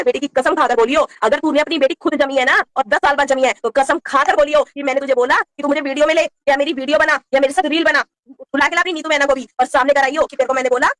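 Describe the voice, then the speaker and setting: A woman vlogger in a heated, confrontational rant, scolding someone at rapid-fire speed. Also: sits high, a bit bright, no room sound.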